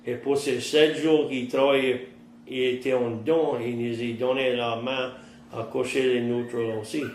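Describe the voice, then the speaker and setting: Cajun French man, 50s, plain-spoken interviewee, slow pace, faint background noise. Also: mid-range voice, flat delivery, a little mellow, reverberant, rough recording. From southern Louisiana, United States. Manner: plain-spoken, rural vernacular. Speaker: interviewee, trapper and fisherman. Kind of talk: oral-history interview, recounting past life.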